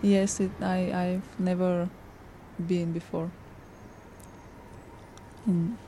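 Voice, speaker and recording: A woman with a Bulgarian accent speaking simple, halting learner's English in a practice dialogue. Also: lowish voice, flat delivery, warm tone, a little hiss or hum, low-quality recording. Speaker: English course student. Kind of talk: practice dialogue in a language class.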